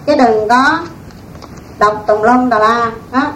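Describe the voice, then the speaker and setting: A woman's voice: fairly high pitch, slow. A woman, a Buddhist nun giving a dharma talk in a folksy, storytelling way. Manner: folksy, animated storytelling with laughs. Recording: echoey room, distant mic, faint noise.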